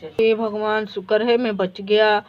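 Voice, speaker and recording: A woman's voice: medium pitch, steady tone, unhurried, muffled recording, slight background noise, pitched below the performer's own voice, natural voice. A woman voicing a clumsy young village husband who is scared of his wife and talks in a flustered, pleading way. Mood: relieved. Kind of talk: storybook voice acting.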